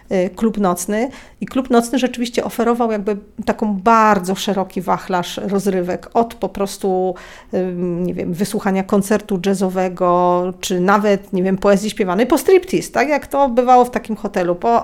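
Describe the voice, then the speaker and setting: A woman's voice: medium pitch, a little mellow. A woman guest in an interview, telling stories animatedly with many hesitant fillers. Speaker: interview guest, researcher of a hotel's history. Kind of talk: casual interview.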